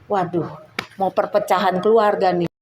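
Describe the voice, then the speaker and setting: A woman's voice: mid-range voice, little pitch movement, normal speed, a little mellow, slight background noise, low-quality recording. A woman giving a personal testimony at church, telling her story earnestly and acting out her prayers.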